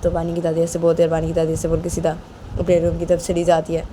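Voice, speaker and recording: A woman's voice: deep voice, monotone, fast talker, mellow, a little hiss or hum. A woman narrating a homemade story in casual, repetitive spoken style.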